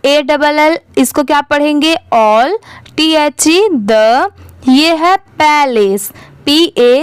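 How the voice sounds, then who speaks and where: Woman, high voice, dry close recording, English reading teacher, spells letters then blends words. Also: drawn-out words, dry recording. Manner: asks the viewer questions and answers them herself.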